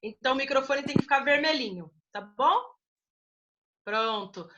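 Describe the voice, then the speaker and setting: A woman moderating a video call, giving brisk, practical instructions. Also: high-pitched, lively intonation, muffled recording. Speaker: meeting moderator. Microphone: video call microphone. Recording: very noisy video call audio.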